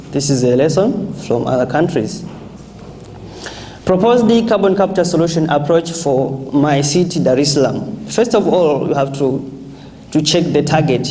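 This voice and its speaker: A man's voice: on the high side, mellow, slight background noise. A young man with a Tanzanian accent giving a formal classroom presentation as a student.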